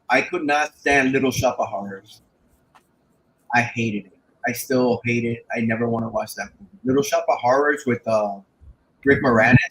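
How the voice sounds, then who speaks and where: A man in his thirties, co-hosting a podcast in casual chat, animated and often stumbling over and repeating his words. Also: medium pitch, poor audio. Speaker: podcast co-host.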